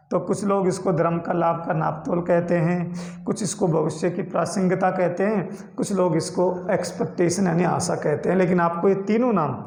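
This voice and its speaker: A male teacher lecturing a class on a poem, slowly repeating key terms and mixing English words into his Hindi explanations. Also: high-pitched, gravelly, a little mellow, reverberant. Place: classroom with a board.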